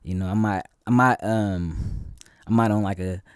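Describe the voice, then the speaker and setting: A guest musician from California's San Francisco Bay Area chats casually in a relaxed way, full of ums and restarts. His voice is fairly low and moves at a moderate pace, smooth and clean, with studio sound and no room echo.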